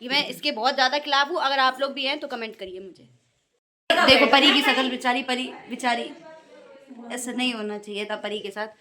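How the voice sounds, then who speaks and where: A woman's voice: high voice, fairly quick, crowd noise. A young woman vlogging at a family gathering, talking straight to her viewers in a playfully dramatic, mock-outraged way. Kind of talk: casual village vlog narration.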